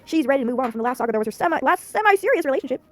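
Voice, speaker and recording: Girl doing a friendly small-town lady, chatty and upbeat, high voice, quick. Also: lively intonation.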